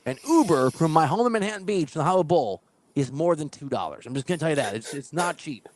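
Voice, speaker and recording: A man's voice: on the high side, quick pace. A middle-aged man telling a long story in casual chat, acting out quotes and laughing as he goes. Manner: animated, acts out quotes with laughs.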